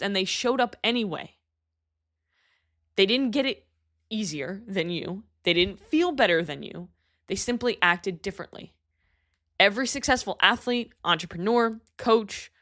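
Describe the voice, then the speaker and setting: A woman's voice: medium pitch, a bit bright. Woman, young adult, podcast host, motivational monologue, blunt, emphatic, swears. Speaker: podcast host and fitness coach.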